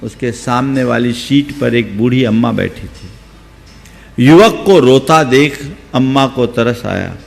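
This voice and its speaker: Slow gravelly preaching man. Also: medium pitch, big-room sound, faint music behind. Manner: emphatic, exhorting, rising for stress. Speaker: Jain monk. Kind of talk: sermon.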